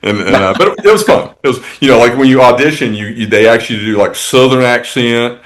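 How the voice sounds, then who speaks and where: A man's voice: medium pitch, a little fast, low-quality recording. A man talking as a tourism industry guest in a casual interview, rambling along with many restarts and fillers.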